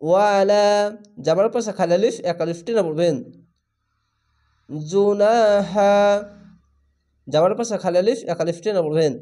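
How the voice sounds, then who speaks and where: High-voiced man teaching Quran reading slowly. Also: warm tone. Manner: stretches recited words very slowly, then explains rules plainly. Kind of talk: slow spelled-out recitation lesson.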